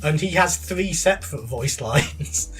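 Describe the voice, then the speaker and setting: A man's voice: a little high, animated, unhurried, faint music behind. Giggly man chatting on a podcast. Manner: giggly, chatty, laughs often between sentences. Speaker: podcast co-host. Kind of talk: casual chat about video games.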